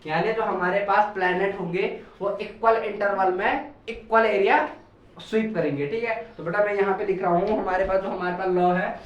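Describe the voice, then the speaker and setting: A male physics teacher lectures, calling students "beta", asking and answering his own questions, and dictating notes slowly word by word. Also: high-pitched. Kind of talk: classroom lecture. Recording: echoey, distant, dull sound.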